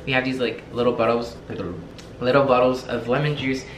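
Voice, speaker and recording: A young man talks through his breakfast recipes in a relaxed, joking way, poking fun at himself. His voice sits at an ordinary middle pitch for a man. It bounces around an echoey home kitchen while pots and dishes clank clearly in the background. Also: a little fast, slight background noise. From France. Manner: chatty, playful, jokes at himself. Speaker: cooking vlogger. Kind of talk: casual cooking demonstration.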